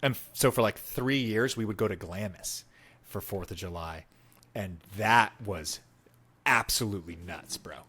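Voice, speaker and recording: A man's voice: lowish voice, measured pace, sharp tone, husky. A young man co-hosting a podcast, chatting casually and teasing his friend, saying "bro" and "dude" a lot. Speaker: podcast co-host. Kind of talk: casual chat.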